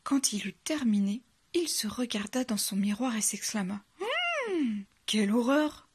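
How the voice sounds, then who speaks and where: A woman reading a children's bedtime story aloud in a soft, hushed, unhurried way. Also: medium pitch, breathy edge.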